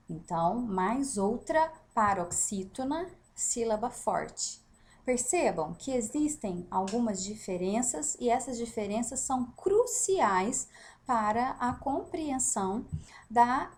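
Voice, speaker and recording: A Brazilian woman teaching a literature lesson with a fairly high voice that moves all over the place. She speaks slowly and patiently, tosses out rhetorical questions, and keeps checking that her students follow. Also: a little mellow. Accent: Brazilian Portuguese. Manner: explanatory, with frequent rhetorical questions and "né?" check-ins. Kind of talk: recorded lesson on poetry.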